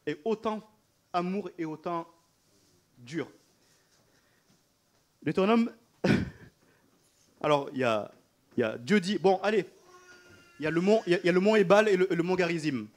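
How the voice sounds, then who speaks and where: A male preacher delivering a lively sermon in a voice pitched a little above the usual for a man. He circles back over his phrases and breaks into short laughs as he goes. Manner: animated, repetitive, often laughing mid-phrase.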